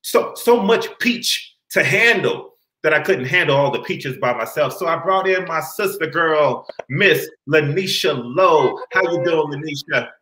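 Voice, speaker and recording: A man's voice: a little high, lively intonation, a little slow, hardly any pauses, bright, forceful tone, roomy sound, poor audio. A man hosting a casual online chat show, joking and building up his guests. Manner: playful, hyped-up introductions. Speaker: show host.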